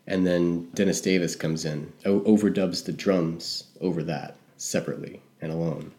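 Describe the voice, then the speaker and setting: A man's voice: low-pitched, fairly even intonation, moderate pace, dark tone. A man co-hosting a casual music talk show, rambling and correcting himself as he goes. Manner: rambling, self-correcting, hedging. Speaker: podcast co-host.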